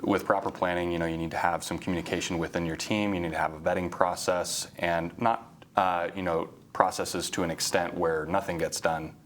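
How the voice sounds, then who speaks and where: A man on a livestream panel giving advice in a halting way, with many "um" and "you know" fillers. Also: sits low, little pitch movement, fairly bright tone, slight background noise.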